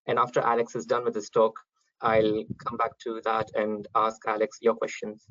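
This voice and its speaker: Flat-voiced young man hosting a webinar. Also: on the low side, moderate pace, dry recording. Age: young adult. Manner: relaxed, many ums. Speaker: event host, chairman. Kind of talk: online webinar introduction. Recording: dry, dull lo-fi call audio.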